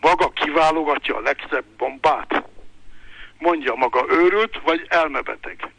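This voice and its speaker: A hot-headed police officer who bellows every question in indignant disbelief, as a man puts him on. His voice is high-set and brightly forceful, with a dry, close sound. He shouts his words rather than speaking them. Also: gravelly, no echo, full character voice, rough recording. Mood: shouting, suspicious.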